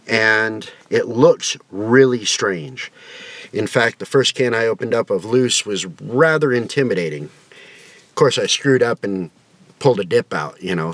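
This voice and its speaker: Casual male reviewer, folksy and rambling, on the low side, dry recording. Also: a bit bright, dry recording. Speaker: product reviewer. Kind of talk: casual review chat to camera.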